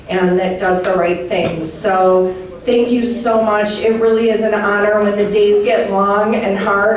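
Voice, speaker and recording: A woman state legislator giving a warm, earnest campaign speech of thanks to constituents. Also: mid-range voice. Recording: echoey room from far off.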